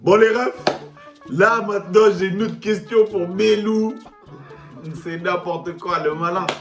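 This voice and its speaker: A man in his twenties with a high voice hosts a drinking game as a YouTuber, joking and chatting in slangy banter at an unhurried pace. The room sounds echoey, with music behind him.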